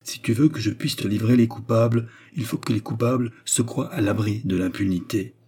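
A man reading the part of a calm, scheming woman who stays unshaken, speaking in a measured way. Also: lowish voice, slightly rough.

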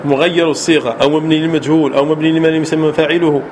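A man teaching a grammar lesson to a class. He checks with his students often, repeats words, and stretches key words out slowly. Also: on the high side, level tone, crowd noise.

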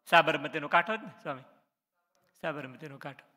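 A man's voice: on the high side, fairly quick, pushed and bright, long reverb tail. A man, a religious teacher reading out quiz questions on scripture stories and answering each one, with short explanations. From Gujarat, India.

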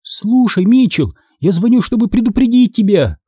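A man's voice: high voice, lively intonation, moderate pace, dark tone, slightly rough, dry recording, studio quality, pitched above the performer's own voice. A man reading a storybook, voicing a cold, menacing ghost girl.

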